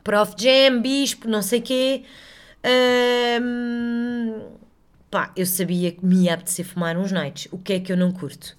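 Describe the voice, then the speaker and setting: Woman, European Portuguese accent, podcast host, solo monologue, slightly high voice, rambling, swears freely. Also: fairly even intonation, a little slow, clear, resonant tone. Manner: rambling, chatty, swears freely, self-mocking.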